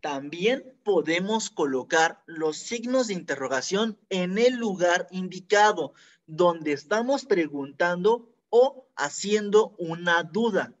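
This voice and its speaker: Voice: mid-range voice, animated, takes it slowly, dull audio. A teacher giving a scripted grammar lesson, explaining each rule with worked examples and repeating it.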